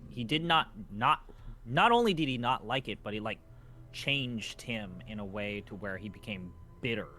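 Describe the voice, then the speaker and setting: A man's voice: fairly low pitch, moderate pace. Ranting man on a game stream. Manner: animated, ranting. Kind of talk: casual live-stream chat. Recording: stream with game music behind.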